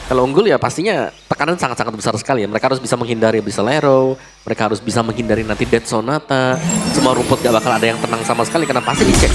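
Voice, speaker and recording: A man's voice: mid-range voice, very fast, noisy background. A man with an Indonesian accent giving live esports analysis and commentary as a co-caster.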